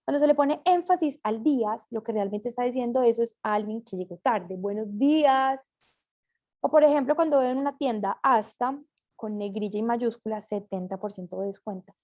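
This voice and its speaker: A woman's voice: fairly high pitch, fairly quick, darkish tone. A woman reading a class presentation aloud, with small slips and self-corrections as she goes.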